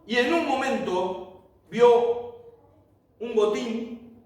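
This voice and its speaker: A man's voice: extremely high pitch, very slow, a little mellow. A man teaching a Bible class, telling the story vividly and asking the class rhetorical questions. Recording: echoey room, mic far off.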